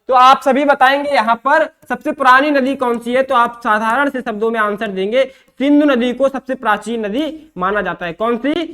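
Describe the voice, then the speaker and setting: A man's voice: very high-pitched, fairly bright tone. Man, teacher, eastern Uttar Pradesh Hindi accent, exam-prep lecture, repetitive question-and-answer delivery. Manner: repeats himself, asks and answers his own questions.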